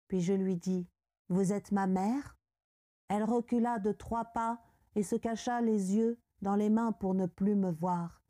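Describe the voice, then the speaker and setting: A woman reading a classic story aloud in a measured, dramatic way. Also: mid-range voice, mellow. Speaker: reader.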